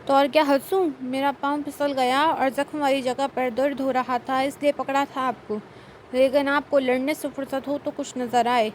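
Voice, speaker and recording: A woman's voice: high voice, level tone, a little hiss or hum, close to an everyday voice. A woman voicing a playful, stubborn young wife who pleads and sulks in a storybook reading. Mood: upset.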